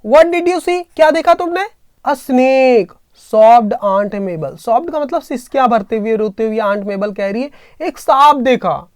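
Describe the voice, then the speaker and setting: A woman's voice: a little high, darkish tone, no room sound, clean studio sound. A woman teaching an English lesson, reading a phrase and then explaining it with questions, and calling her students "beta".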